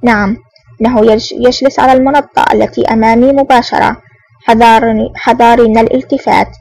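A woman's voice: fairly high pitch, fairly even intonation, quick pace, creaky, a little mellow. A woman reading a scheming male secret agent who feigns anger in an audiobook. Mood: hushed. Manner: curt, mock-angry. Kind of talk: audiobook narration.

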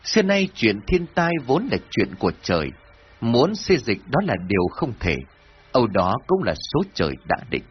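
A man narrating a folk tale with a lively, rising and falling delivery and a husky voice. The recording is dull and lo-fi, with soft music playing underneath. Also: medium pitch, normal speed. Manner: expressive folk-tale telling. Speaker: storyteller. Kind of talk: scripted narration.

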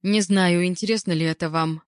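A woman's voice: lowish voice, fairly even intonation, brisk, dry recording, clean studio sound, natural voice. A woman voicing a timid young female hospital nurse who talks hesitantly and apologetically.

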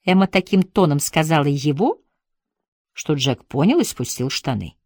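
A woman calmly narrating an audiobook in an even storytelling manner. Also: low-pitched, moderate pace, no room sound. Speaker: audiobook reader. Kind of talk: scripted narration.

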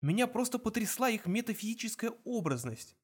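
A frantic, high-pitched Earthman who wails and gushes, put on by a man. His voice sits clearly above the narrator's own. It is performed as an audiobook character. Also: fairly quick, full character voice. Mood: eager. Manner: high, excited and wailing. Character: frantic panicky Earthman, young adult male.

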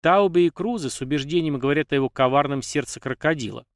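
A man reading a scripted history narration in an even, steady way with dramatic emphasis. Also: fairly high pitch, quick pace, dry recording, clean studio sound.

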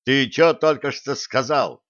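A man voicing a rough, hot-tempered male gang leader in an audiobook, with coarse, slangy threats. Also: mid-range voice, a little slow, a bit bright, no room sound, lo-fi sound, pitched above the performer's own voice, close to an everyday voice. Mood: menacing. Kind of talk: audiobook character voice.

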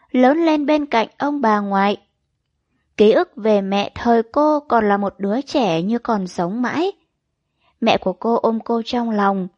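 Woman reading a crime novel, kinda high voice, steady and calm, dry dull recording. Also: no echo. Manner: even, measured storytelling with quoted dialogue read in. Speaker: audiobook narrator. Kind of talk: scripted novel narration.

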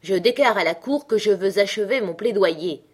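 A woman's voice: mid-range voice, animated, normal speed, husky. A woman voicing a pompous, indignant tipsy lawyer in a storybook reading.

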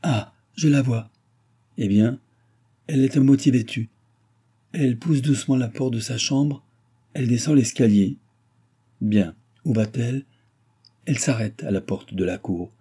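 A man reading the part of a proud young noblewoman speaking from a trance, in a hushed, dreamy voice. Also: mid-range voice, measured pace, pauses often, slightly rough, voice pushed up. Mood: entranced.

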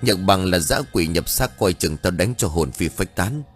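A man's voice: deep voice, lively intonation, moderate pace, breathy edge, faint music behind. A man voicing a stern, commanding old village shaman woman threatening a spirit. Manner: harsh, commanding.

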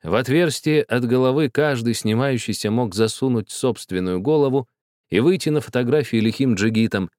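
A man narrating an audiobook in a measured literary reading. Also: mid-range voice, a little mellow, no room sound, studio quality. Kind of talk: scripted narration.

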